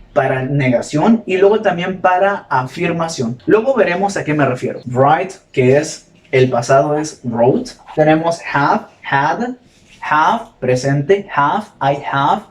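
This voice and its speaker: A man teaching a classroom grammar lesson, who quizzes his students and repeats example words slowly. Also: a little high, a little mellow. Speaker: English teacher. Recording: echoey room, mic far off.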